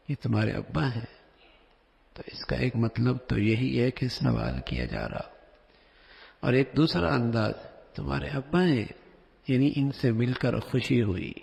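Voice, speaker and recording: Male preacher, gravelly, explanatory sermon delivery, long reverb. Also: medium pitch, a little mellow. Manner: explanatory, acts out example phrasings.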